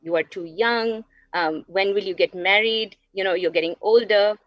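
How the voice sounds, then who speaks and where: A woman's voice: medium pitch, normal speed, no echo. A woman in her thirties from Dubai, telling her personal story earnestly and reflectively as an interview guest. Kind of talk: personal testimony. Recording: dull, dry lo-fi stream audio.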